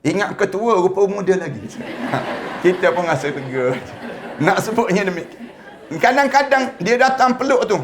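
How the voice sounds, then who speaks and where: A middle-aged man with a Malaysian Malay accent, preaching a sermon as lively storytelling with laughs. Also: high voice, slight background noise.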